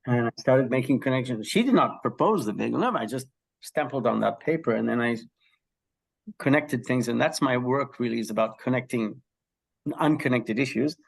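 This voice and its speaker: Gravelly-voiced male professor. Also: mid-range voice, moderate pace. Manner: lively storyteller with frequent ums and throat-clearing. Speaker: guest, professor of health psychology. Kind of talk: explaining research in an interview.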